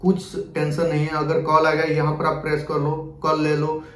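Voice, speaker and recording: In a small bedroom that lends a roomy echo, a young adult review vlogger demonstrates a product casually and repetitively, throwing in English words. His fairly high, somewhat bright voice stays completely flat, moving at a moderate pace.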